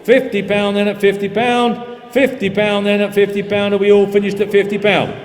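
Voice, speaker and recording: A man working as an auctioneer, calling live bids in a rapid, repetitive patter. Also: high voice, flat delivery. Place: large reverberant auction room. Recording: echoey hall PA, music behind.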